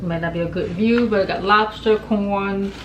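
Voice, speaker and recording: Woman food vlogger, casual and animated, slightly breathless, faint room noise. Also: mid-range voice, moderate pace, dull audio. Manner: chatty, animated, talks straight to viewers as "y'all". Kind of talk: casual mukbang chat to camera. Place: home.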